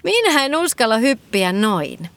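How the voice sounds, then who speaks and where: A woman voicing a cheerful, excitable little girl in a children's story. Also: on the high side, voice pushed up. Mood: excited. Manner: bright, eager, squealing delight.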